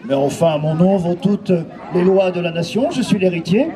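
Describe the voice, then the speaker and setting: A man's voice: high-pitched, lively intonation, normal speed. A man playing a boastful, theatrical count, declaiming like a hammy stage actor in an improvised verse duel. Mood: pompous. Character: boastful count claiming his lost castle, theatrical. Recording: noisy outdoor show with crowd.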